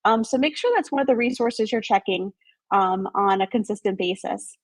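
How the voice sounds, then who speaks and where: A woman's voice: medium pitch, normal speed, dry recording. A woman hosting an event, speaking informally as she moderates between presenters. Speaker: event host.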